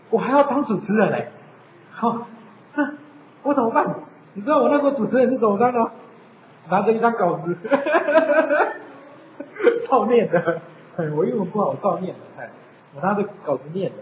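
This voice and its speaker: A man teaching a university class, chatty and animated, often asking his students rhetorical questions. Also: high-pitched, a little hiss or hum. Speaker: university lecturer. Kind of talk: classroom lecture. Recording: echoey lecture hall, dull lo-fi sound.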